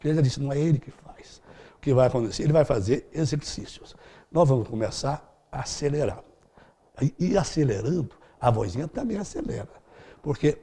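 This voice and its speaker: A man's voice: mid-range voice, creaky, mellow, breathy edge. A middle-aged man answering interview questions as a speed-reading instructor, explaining in a didactic way with vivid everyday examples.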